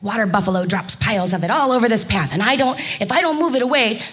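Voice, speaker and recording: A woman's voice: fairly high pitch, a bit bright, lightly acted. A woman voicing a flustered male dung beetle who talks in a harried rush. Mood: hurried. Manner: hurried, harried.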